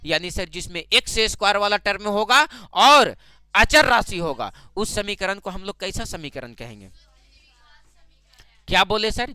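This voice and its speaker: A man's voice: high voice, pushed and bright, clean tone, dry recording. A man teaching a math class, drilling students with repeated call-and-response questions.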